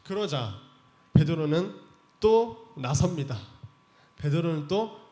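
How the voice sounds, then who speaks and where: Animated man preaching in an echoey church. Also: on the high side, takes it slowly. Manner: animated retelling that acts out the characters' voices, chatty. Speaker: youth pastor. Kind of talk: storytelling sermon for teens.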